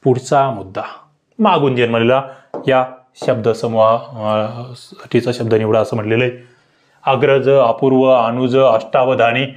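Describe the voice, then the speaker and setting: Animated man teaching exam grammar. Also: a little slow. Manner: animated, leaps up in pitch to stress words; rhetorical questions to viewers. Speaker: exam-prep tutor. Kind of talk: online grammar lesson.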